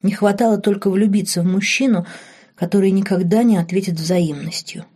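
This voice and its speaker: A woman narrating a romance novel audiobook in a measured, softly expressive way. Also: mid-range voice, slightly rough.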